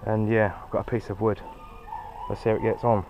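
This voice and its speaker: A British amateur radio hobbyist hosts a rambling, casual vlog from his garden, muttering to himself as he goes. His voice is on the low side and brisk, captured on a handheld action camera with steady background noise and music, and the audio is dull.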